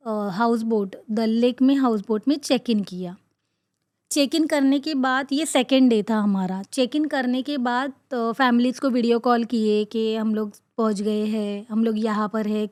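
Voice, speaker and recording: A woman podcast host recounting her own trip in earnest, halting personal storytelling, with frequent pauses and fillers and words repeated for emphasis. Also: fairly high pitch, darkish tone, no room sound, studio quality.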